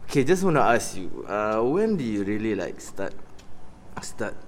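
A man with a Singaporean accent hosts a podcast in casual, halting speech, repeating words and swearing loosely. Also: fairly low pitch, big pitch swings. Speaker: podcast host. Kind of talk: casual chat. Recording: background noise and room ambience.

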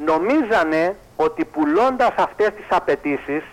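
A man's voice: fairly high pitch, animated, rough recording. A man speaking as a guest on a radio talk show, emphatic and indignant, now and then mimicking the voices of advertisements. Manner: indignant, emphatic, breaks into mock voices of ads.

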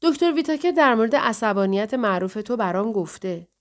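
A woman's voice: on the high side, animated, close to an everyday voice. A woman voicing a terse, suspicious female caretaker in an audiobook. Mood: curt.

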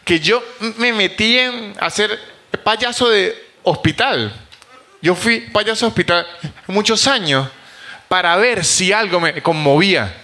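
A Venezuelan man with a high, bright voice and a Venezuelan accent. He tells animated, funny stories on a live comedy podcast and swears freely. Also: measured pace. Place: theater stage before a live audience.

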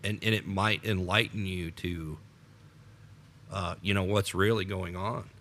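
Casting: American male podcast co-host, low and forceful, repeated starts. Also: steady tone, unhurried, slight background noise. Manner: rambling with frequent repeated starts, laughs. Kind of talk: unscripted political chat.

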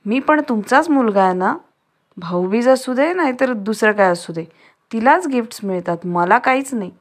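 A woman voicing a jealous, sulky young boy, raised high and loud as he complains and pleads. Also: expressive, moderate pace. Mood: sulky whining.

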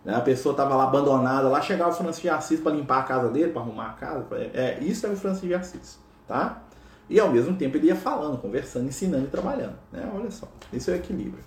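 A man's voice: medium pitch, expressive, rapid-fire, reverberant. A man telling a spiritual story as a lecture, chatty and conversational, constantly checking in with his listeners. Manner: conversational, peppered with tag questions.

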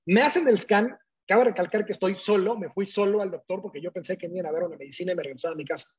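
Husky-voiced man telling his story. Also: high voice, very fast. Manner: animated, acts out quoted dialogue. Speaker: guest. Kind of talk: personal storytelling in conversation. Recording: dull lo-fi audio.

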